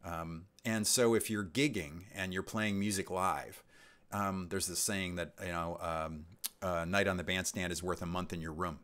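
A man's voice: deep voice, fairly even intonation, normal speed, fairly bright tone. A man hosting a casual live stream, reading out chat questions and answering in a rambling way with many ums and restarts. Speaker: livestream host.

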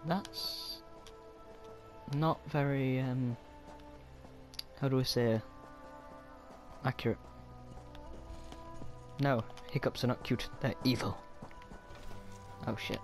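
A man giving casual, excitable gameplay commentary, swearing often and chatting to himself. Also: medium pitch, takes it slowly, long pauses. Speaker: gaming video creator. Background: game music.

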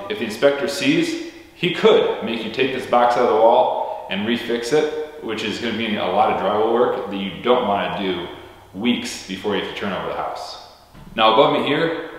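A man's voice: on the low side, fairly bright tone. A young American man presenting as a home builder, explaining to camera in a big empty room with a cave-like echo. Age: young adult. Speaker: home builder hosting a project video. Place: large empty unfinished house interior, indoors.

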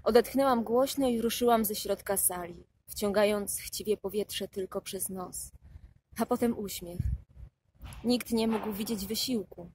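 A woman narrating a first-person audiobook in a measured, expressive reading. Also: medium pitch, slight background noise, rough recording.

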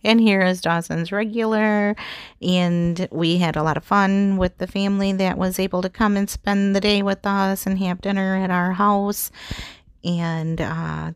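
This woman's voice is on the low side and clean-toned, captured in a dry recording with music running underneath. She hosts a home cooking channel, narrating her dishes casually in a warm, chatty way and laughing softly now and then.

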